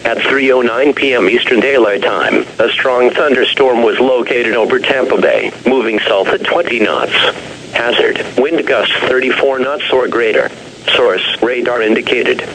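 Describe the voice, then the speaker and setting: A synthetic male announcer delivers emergency alert weather warnings over radio with faint noise. His mid-pitched voice is formal and impersonal, reading each item in a measured, automated way. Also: a bit bright. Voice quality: synthetic text-to-speech voice. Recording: noisy weather radio broadcast.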